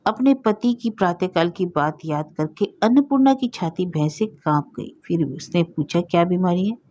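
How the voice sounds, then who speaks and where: A woman narrates a story in a steady reading voice, pitched low. The recording is dull and lo-fi. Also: normal speed.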